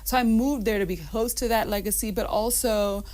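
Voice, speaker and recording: A woman's voice: mid-range voice, brisk, a little mellow. A woman raised mostly in the United States, giving a radio studio interview as a guest singer-songwriter, speaking in a thoughtful, earnest way with frequent ums and laughs. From Rwanda and Uganda, raised mostly in the United States.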